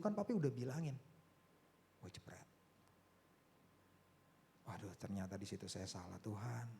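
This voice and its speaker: A middle-aged Indonesian man preaching a youth sermon, telling a personal story and rising to loud, emotional peaks. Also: fairly low pitch. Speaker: youth pastor.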